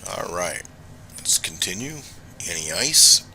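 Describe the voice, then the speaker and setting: A man's voice: sits low, sing-song, slow, vocal fry, sharp tone, slight background noise. A man playing a flight simulator as pilot, talking himself through checklist steps in short procedural phrases. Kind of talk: low-key procedural cockpit talk while playing.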